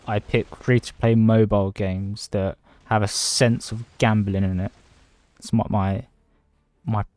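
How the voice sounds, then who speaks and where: A man's voice: lowish voice, a little mellow, dry recording. A man casually chatting on a livestream from home, rambling between topics and greeting viewers by name. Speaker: livestreaming gamer.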